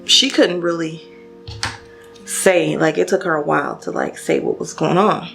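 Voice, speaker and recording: Young woman vlogger, gravelly fry, rambling storytime over faint music. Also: sits low, measured pace, a bit bright. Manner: casual, chatty, many fillers and restarts, addresses viewers directly. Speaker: beauty vlogger. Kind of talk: storytime while doing makeup.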